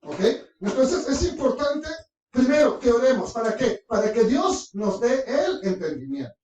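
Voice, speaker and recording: A preacher delivers a sermon with a prayer, pitch leaping up and down through one pointed question after another. The voice is far from the mic, in a room with heavy, booming echo. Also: big pitch swings, unhurried, a little mellow. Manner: asks the congregation rhetorical questions, swinging pitch widely. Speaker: preacher teaching scripture.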